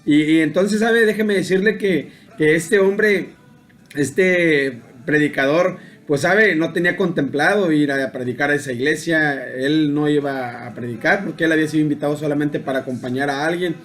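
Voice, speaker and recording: A man giving a daily devotional sermon, telling a story in an unhurried, halting way, full of fillers and repeated tag questions. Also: a little high, a bit bright. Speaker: preacher.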